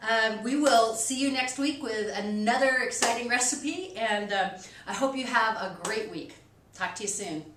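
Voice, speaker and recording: A woman's voice: on the high side, normal speed, fairly bright tone. Chatty woman hosting a kitchen cooking demo. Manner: chatty, self-deprecating, many ums. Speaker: library cooking show host. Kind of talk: casual cooking demonstration. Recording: echoey kitchen, distant mic, faint noise.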